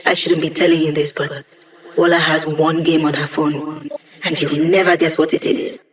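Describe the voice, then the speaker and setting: With a deep, level voice and moderate pace, a woman lightly acts as a video game's squad tech support: a cheeky, brainy hacker who is a digital holographic young woman. She talks casually and playfully, wry and upbeat.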